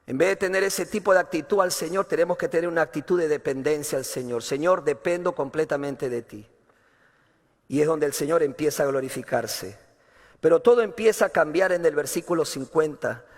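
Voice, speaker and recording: A man's voice: fairly high pitch, brisk, long reverb tail. A male pastor preaching a sermon with passion, acting out a desperate father's pleas.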